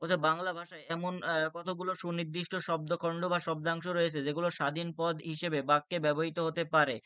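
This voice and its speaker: Fairly high, flat-voiced male tutor. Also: fairly quick, smooth, dry recording. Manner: reads rules aloud with frequent "ah" fillers and restarts. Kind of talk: exam-prep lecture.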